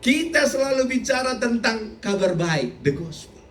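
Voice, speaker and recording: A middle-aged man preaching a sermon as a pastor, animated, sometimes shouting and often laughing. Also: extremely high pitch, unhurried, a little hiss or hum. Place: church hall. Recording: echoey church hall, mic from a distance.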